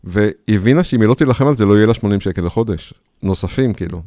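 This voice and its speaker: A man in a radio conversation, telling a story in a lively way and acting out the people in it. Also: fairly low pitch, dry recording, clean studio sound. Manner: storytelling, acts out quoted speech.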